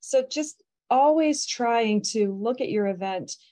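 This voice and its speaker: A middle-aged woman speaks over a video call in a mellow, warm voice. She is a birding festival organizer, and she talks fluently and earnestly in a friendly panel format. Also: on the high side, slow. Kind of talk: casual panel discussion.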